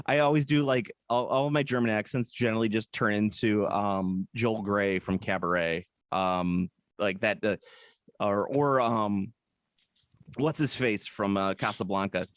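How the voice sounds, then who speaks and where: A podcast co-host chats casually into his podcast microphone, rambling and hesitant, with lots of fillers and jokes. His voice is fairly low and a little slow, and the recording has no room sound.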